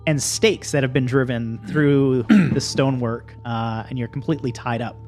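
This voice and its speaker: A man's voice: mid-range voice, fairly even intonation, normal speed, darkish tone. A man narrating a tabletop fantasy game as game master, describing scenes and asking players what they do. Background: music.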